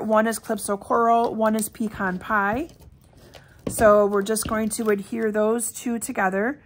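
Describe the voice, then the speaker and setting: A woman's voice: on the high side, fairly bright tone. Chatty woman with a scratchy voice. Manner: chatty and upbeat, addressing viewers directly. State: scratchy voice with a lingering cough. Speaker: card-making demonstrator. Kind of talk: casual crafting tutorial.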